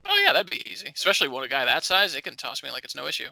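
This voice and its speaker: A man's voice: medium pitch, expressive, rapid-fire, gravelly, bright, forceful tone. A man co-hosting a podcast in casual chat, wry and sarcastic, laughing often. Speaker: podcast co-host.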